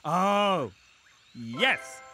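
A man voicing a friendly, dim-witted cartoon jungle strongman who talks in simple, broken caveman grammar over loud music. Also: high-pitched, expressive, drawn-out words, full character voice. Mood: confused, eager. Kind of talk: cartoon voice acting.

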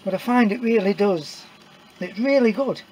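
A man's voice: high-pitched, moderate pace, warm tone, slight background noise, poor audio. A middle-aged man casually walks through his homemade build in a workshop, rambling and plain-spoken with many uhs and restarts. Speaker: DIY maker showing a build. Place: workshop indoors. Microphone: camera mic, filming own hands off-camera.

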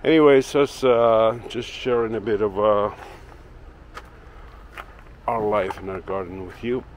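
Camera in hand, a man tours his backyard garden and then his workshop indoors for his woodworking channel, talking loosely and filling gaps with plenty of fillers. His lowish voice keeps a measured pace, relaxed and rambling, with slight background noise behind it.

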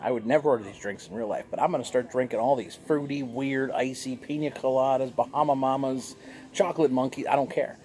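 A man's voice: medium pitch, fairly quick, slight background noise. A jovial, chatty man, reviewing a beer for his vlog on a sunny outdoor patio, recorded by a camera across the table. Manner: jovial, chatty, animated gestures. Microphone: fixed camera across a table.

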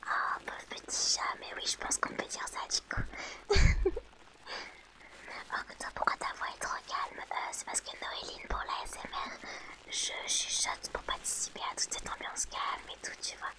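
A woman whispering softly to her audience in ASMR style, reading out chat names and answering them gently. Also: measured pace. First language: French.

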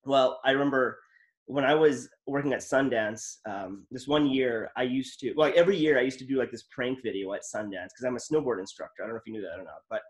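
A man's voice: medium pitch, quick pace. Casting: male host, eager chatty storyteller, mid-range voice. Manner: enthusiastic, rambling storyteller. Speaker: podcast host. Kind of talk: casual interview chat.

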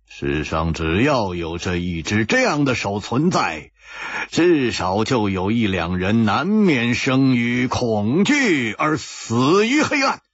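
A man voicing a calm, wise male swordsman hero in a pingshu audiobook, speaking in a measured, weighty way with sighs. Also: mid-range voice, husky, no room sound, muffled recording, full character voice. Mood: grave. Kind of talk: pingshu storytelling.

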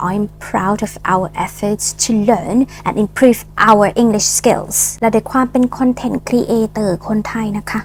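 A woman content creator, giving lively, teasing reaction commentary that switches into English. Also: fairly high pitch.

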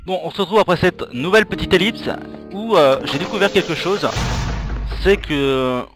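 A man's voice: high voice, moderate pace, music in the background. A young man giving jittery let's play commentary on a horror game, exclaiming and muttering to himself into a headset. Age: young adult. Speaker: gamer. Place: small room at home.

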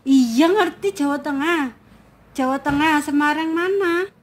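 A woman's voice: high-pitched, measured pace. A young woman from Brebes in Java, a caregiver patiently repeating her questions in casual chat. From Brebes, Central Java, Indonesia.

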